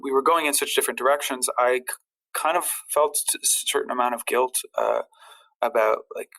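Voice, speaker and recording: A man telling personal stories as a podcast guest in a casual, rambling way, halting and repeating words. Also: medium pitch, fairly even intonation, fairly bright tone, low-quality recording.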